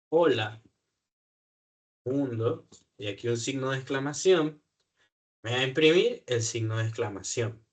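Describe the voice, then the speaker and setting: A man with a mid-range voice gives a live one-on-one programming lesson. He's patient and thinks aloud with fillers, correcting himself as he goes and often asking "¿ya?" to make sure his student follows.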